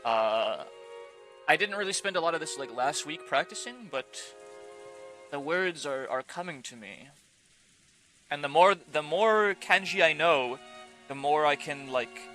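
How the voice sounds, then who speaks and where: A man's voice: a little high, animated, normal speed, over music, low-quality recording. A male streamer chatting casually and rambling, his talk full of "like" and restarts. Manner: rambling, fills speech with "like". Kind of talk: casual chat on a reading stream.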